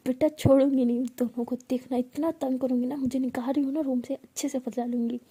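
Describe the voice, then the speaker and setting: A woman voicing a nosy, teasing young woman who mocks her best friend loudly. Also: sits high, steady tone, brisk, slightly rough. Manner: loud and mocking.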